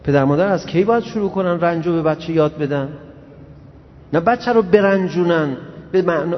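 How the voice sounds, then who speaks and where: A man giving an emphatic religious lecture, swinging from slow, low asides to loud scolding. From Iran, grew up in Tehran. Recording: dull recording in reverberant hall.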